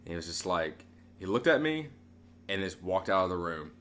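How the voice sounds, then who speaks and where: A man with a lowish voice telling a story in relaxed podcast chat. He talks in an easygoing, crude way, pausing with fillers as he remembers. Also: a little hiss or hum. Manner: laid-back storytelling, crude language. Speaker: podcast co-host. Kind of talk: casual chat.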